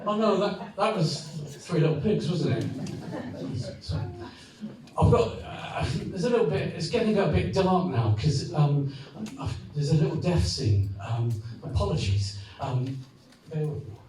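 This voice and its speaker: A man doing live stand-up comedy, rambling and halting, with deadpan asides to the audience. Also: fairly high pitch, a little hiss or hum. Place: comedy venue. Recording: echoey live room, far mic, audience.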